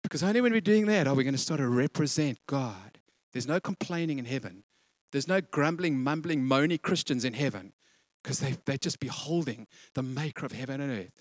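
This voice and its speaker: A man preaching a sermon as a pastor, animated and often laughing as he acts out what people say. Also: mid-range voice, a little fast, dry recording.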